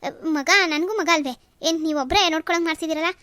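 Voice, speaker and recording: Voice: extremely high pitch, fairly even intonation, fast, sharp tone, dry recording. One performer voicing a scolding young husband. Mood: accusing. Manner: accusing, scolding. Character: angry young husband scolding his in-laws. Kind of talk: cartoon voice acting.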